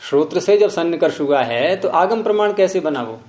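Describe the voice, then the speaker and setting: A man's voice: a little high, lively intonation, brisk, darkish tone, reverberant. A man teaching philosophy to a class, often prompting students with questions. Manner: questioning, repeatedly prompting with "hmm?". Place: room with students present.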